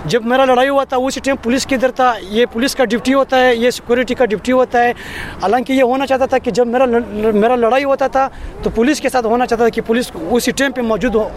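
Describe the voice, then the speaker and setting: A man's voice: extremely high pitch, fairly even intonation, brisk. A man in his twenties from Afghanistan, a native Pashto speaker, earnestly pleading about his hardships in a street interview. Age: 20s.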